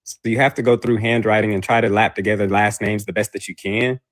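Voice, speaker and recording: A man's voice: lowish voice, steady tone, quick pace. An American man debating casually as a caller, insistent and argumentative. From Huntsville, Alabama, USA.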